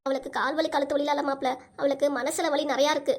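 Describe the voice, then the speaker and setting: A woman's voice: high-pitched, steady tone, fast talker, natural voice. A woman voicing a complaining, gossiping old grandmother in a cartoon comedy, with a southern Tamil Nadu accent. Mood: grumbling. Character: older grandmother, grumbling and scheming. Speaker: voice actor.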